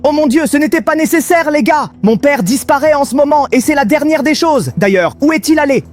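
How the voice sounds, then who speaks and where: A man narrating his gameplay in an excited, panicky way, constantly calling out to his viewers. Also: very high voice, fairly quick, faint music behind. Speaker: gaming video host.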